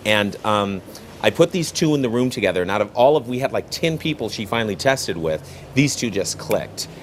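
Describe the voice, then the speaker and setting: A man's voice: lowish voice, expressive, fairly quick, slight background noise. A man talking as a film director in a behind-the-scenes interview, telling stories with enthusiasm.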